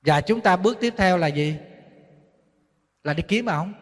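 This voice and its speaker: A man, a Buddhist monk with a Southern Vietnamese accent, giving a sermon full of lively stories and acted-out quoted voices. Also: high voice, unhurried. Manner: storytelling, acting out quoted voices, teasing. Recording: long hall reverb.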